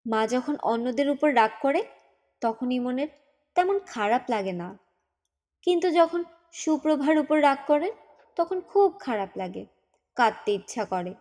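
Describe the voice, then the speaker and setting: A woman narrating a novel as an audiobook in a calm, unhurried storytelling manner. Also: high voice.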